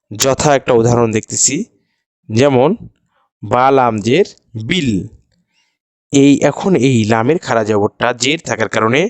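Slow, patient male Quran teacher. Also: medium pitch, no echo. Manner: patient, repeats each rule slowly; chants the example words melodiously. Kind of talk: slow step-by-step tajweed lesson.

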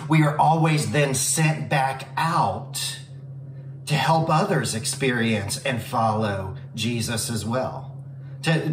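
A man's voice: medium pitch, slight background noise. Earnest young male pastor, roomy echo. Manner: earnest, animated, gesturing with hands, frequent "uh" fillers. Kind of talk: sermon preview to camera. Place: home dining room, indoors. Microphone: camera at a distance. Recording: roomy echo, slightly distant mic.

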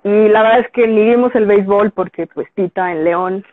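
A woman's voice: medium pitch, moderate pace. A woman with a Mexican Spanish accent, a graphic designer being interviewed, telling a story casually and acting out the dialogue she quotes. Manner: animated storyteller who acts out quoted dialogue. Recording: tinny phone-like, dry sound.

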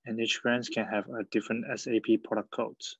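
Male student presenter, flat delivery, halting read, dry dull lo-fi recording. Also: on the low side, gravelly, breathy edge, dry recording.

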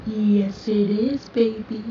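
A young woman speaking slowly in a soft, breathy half-whisper, soothing yet commanding and repeating her phrases. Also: medium pitch, steady tone. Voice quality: breathy, often slipping into whisper. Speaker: roleplay audio performer. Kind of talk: whispered hypnotic roleplay ASMR. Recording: roomy, distant, dull lo-fi sound with faint hiss.

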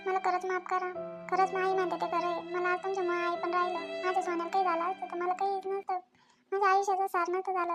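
Woman playing a tearful young mom, pleading, very high voice, faint music. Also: a bit bright. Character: protective young mother, suspicious then remorseful.

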